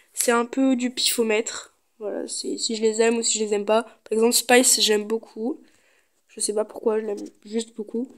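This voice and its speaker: A woman's voice: fairly high pitch, darkish tone. A woman giving casual, chatty gameplay commentary, thinking aloud as she goes. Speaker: gaming video creator.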